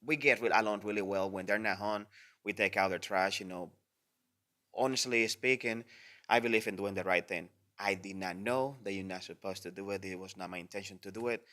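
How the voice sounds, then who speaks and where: A permit applicant from the Dominican Republic, whose first language is Spanish, earnestly explains his permit request in English at a public hearing, leaning heavily on "you know." His voice is on the low side, brisk, pushed and bright.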